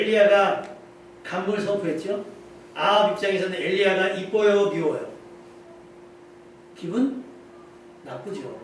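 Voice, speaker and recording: A man's voice: high-pitched, slight background noise. A male pastor preaching a sermon in a conversational way, posing questions to the congregation and answering them himself. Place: church sanctuary. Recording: echoey church hall, mic at a distance.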